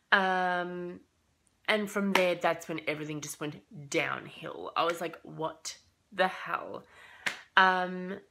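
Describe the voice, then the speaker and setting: A young woman vlogging a storytime, chatty and animated, peppering every sentence with "like" and acting out her own thoughts. Her voice sits fairly low with plenty of gravelly fry, and she sounds a little under the weather from a cold. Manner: chatty, animated retelling with lots of "like" and quoted thoughts. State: has a cold, coughing. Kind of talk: casual storytime vlog.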